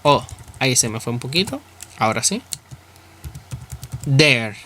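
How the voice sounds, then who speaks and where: A man's voice: mid-range voice, lively intonation, measured pace, sharp tone. A male English teacher who explains grammar step by step, asking himself questions and then answering them. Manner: asks and answers his own questions.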